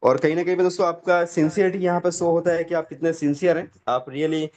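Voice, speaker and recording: A man with a high-pitched voice gives a motivational pitch over a video call. He talks in a preachy, emphatic way and keeps repeating his address to his friends. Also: steady tone, fast talker, a little mellow. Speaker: network marketing session host.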